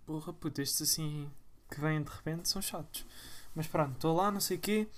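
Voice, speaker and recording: A man's voice: on the high side, fairly quick, slight background noise. A young man with a European Portuguese accent talks straight to his viewers in a loose vlog monologue. He rambles from one point to the next, full of slang and teasing mockery. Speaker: vlogger.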